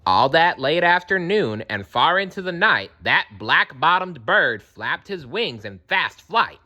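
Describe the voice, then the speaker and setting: Male storybook reader, bright tone, slow measured rhyming read-aloud. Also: dull audio. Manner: animated, voices characters with big pitch jumps.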